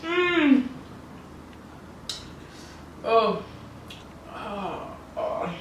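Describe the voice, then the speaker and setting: A woman's voice: on the high side, very animated, extremely slow. Echoey woman, mouth burning from spice. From Africa. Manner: playful, exclaiming, giggly. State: mouth burning from spicy food. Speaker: vlog host. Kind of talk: casual challenge chat. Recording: very echoey, distant mic, faint noise.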